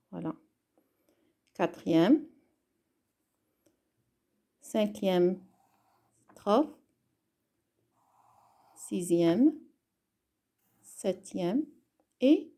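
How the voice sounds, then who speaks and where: Very slow-speaking woman teacher. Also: mid-range voice, dark tone. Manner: slow, deliberate, spelling things out. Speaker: primary school teacher. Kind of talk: online reading lesson.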